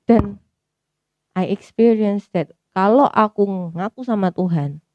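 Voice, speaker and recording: A woman's voice: medium pitch, slow pace, no room sound, highs cut off. Chatty Javanese-accented woman giving testimony. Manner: conversational, mixes English phrases, acts out her own inner thoughts. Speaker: testimony speaker at a youth service. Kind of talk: personal church testimony.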